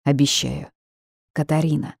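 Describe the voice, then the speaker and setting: Woman reading a calm, gentle man. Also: sits low, creaky, breathy edge, no room sound, studio quality, full character voice. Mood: resolute. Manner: quiet, measured and gentle. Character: calm, mysterious grown man, gentle and sad.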